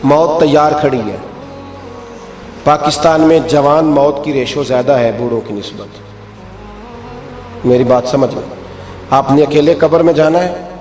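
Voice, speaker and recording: A man preaching an Urdu sermon in a mosque, telling stories with emphatic rises to high exclaims and drops to low tones. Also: long pauses, darkish tone. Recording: echoey hall with faint music.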